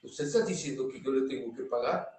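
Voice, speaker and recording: A man's voice: mid-range voice, brisk, darkish tone, close to an everyday voice. A man voicing an anxious young male factory worker who pleads with his boss, recorded with a distant mic in an echoey room. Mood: pleading.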